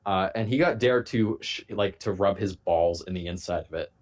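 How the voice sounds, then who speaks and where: A man on a casual podcast, telling a long profane story in a rambling, animated way. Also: deep voice, moderate pace. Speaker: podcast host.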